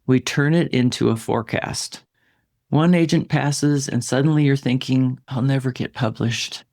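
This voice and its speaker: A man talks straight to his listener in a gentle, reassuring tone. His voice has a steady gravelly texture at a middle pitch. The sound is dry and close, like a solo podcast recorded on a studio mic. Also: no echo. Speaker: writing coach and podcast host.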